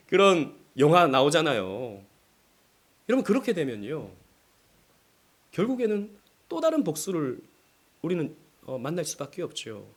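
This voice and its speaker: A male pastor from South Korea preaching a sermon, acting out quotes with sudden loud rises and hushed drops. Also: fairly high pitch, huge pitch swings, normal speed, long pauses.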